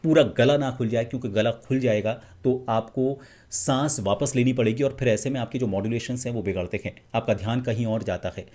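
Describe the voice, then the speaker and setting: Guy coaching voice stuff, calm and measured, middle pitch. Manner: calm, measured teaching, demonstrating vowels and humming. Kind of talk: instructional explanation.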